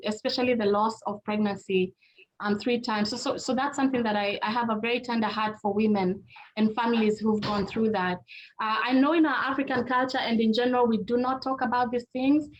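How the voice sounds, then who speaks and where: Hosting a webinar on a video call, a middle-aged Kenyan marriage therapist speaks conversationally and directly to her audience. Her fairly high voice moves quickly with fairly even intonation, and the audio is poor.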